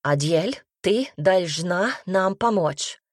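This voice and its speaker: A woman's voice: fairly low pitch, animated, slow pace, no echo, studio quality. A woman voicing a pushy, emphatic middle-aged duchess in an audiobook, drawing out her words. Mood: insistent. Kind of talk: audiobook character reading.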